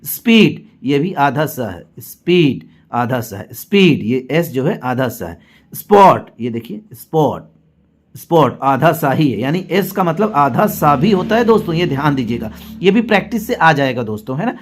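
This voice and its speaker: A man's voice: a little high, sing-song, normal speed, husky. A man teaching English letter sounds in a patient spoken lesson. He says each example word several times and keeps asking the viewer to pay attention. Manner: often asks the viewer to notice and checks agreement.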